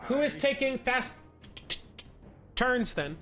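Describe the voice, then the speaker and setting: A man's voice: very high voice, lively intonation, measured pace, bright, forceful tone, soft background music. A man narrating a tabletop game as game master, with frequent stuttered syllables.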